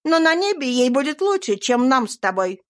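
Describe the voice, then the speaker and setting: A woman voicing a wry, world-weary gentleman father with an ironic, teasing manner, in a storybook reading. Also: high voice, big pitch swings, normal speed, voice pushed up. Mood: dry.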